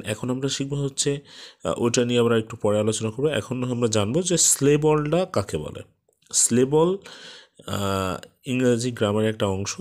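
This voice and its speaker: A man with a fairly low voice teaching a grammar lesson. He explains patiently and unhurriedly, with frequent hesitant fillers, and stretches each example word out slowly.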